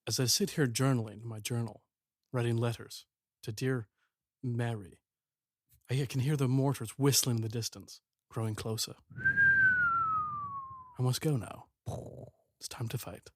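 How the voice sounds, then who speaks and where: A man voicing a weary young soldier writing a letter home from the trenches, speaking in a hushed, solemn way. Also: mid-range voice, fairly even intonation, normal speed, pauses often, lightly acted.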